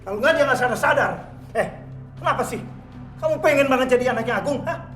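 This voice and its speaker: An actor playing a menacing, domineering villainous father who bullies and shouts orders in a TV drama. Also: very high-pitched, quick pace, echoey room, faint music behind. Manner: harsh, bullying, shouts orders. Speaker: scheming father.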